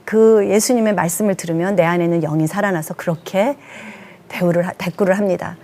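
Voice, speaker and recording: Fast-talking woman pastor preaching. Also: fairly low pitch, fairly even intonation, mellow. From Korea. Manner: earnest, emphatic, acts out quoted speech. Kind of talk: testimony sermon.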